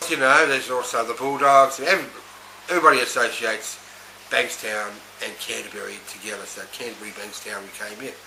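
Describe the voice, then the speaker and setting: Australian man, group founder, bright forceful tone, plain recollection; roomy, lightly noisy recording. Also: medium pitch, fairly even intonation, a little fast, creaky. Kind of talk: recounting history in an interview. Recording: roomy with faint background noise.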